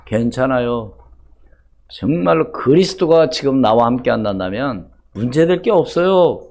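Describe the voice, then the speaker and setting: An older man preaching a Sunday sermon as pastor, asking the congregation rhetorical questions and swinging between loud emphasis and hushed asides. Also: mid-range voice, lively intonation, a little slow, creaky. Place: church sanctuary.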